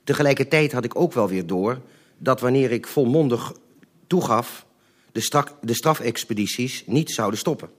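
A man reading his own short memoirs aloud in a measured, dry, deliberate way. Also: medium pitch. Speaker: memoir reader.

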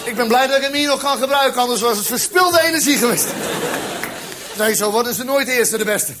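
High-voiced man doing live cabaret. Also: a little fast, a crowd in the background. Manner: rambling, absurd, with hesitant fillers. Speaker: stand-up comedian. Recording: live recording with audience and background noise.

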